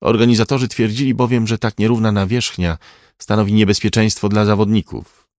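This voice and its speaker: A man reading a crime novel aloud in a measured, even way. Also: lowish voice, dry recording, clean studio sound. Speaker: audiobook narrator. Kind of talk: scripted narration.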